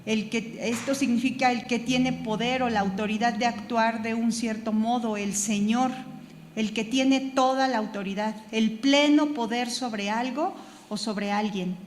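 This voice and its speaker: A woman's voice: on the high side, steady tone, unhurried. A woman teaching a Bible class who stops and repeats words as she searches for them, and spells out terms letter by letter. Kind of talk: Bible study lecture. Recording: echoey hall with room noise.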